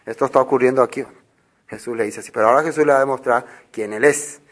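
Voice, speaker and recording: A man's voice: medium pitch, quick pace. A male preacher giving a sermon, reading Bible verses aloud and explaining them, with many rhetorical questions he answers himself.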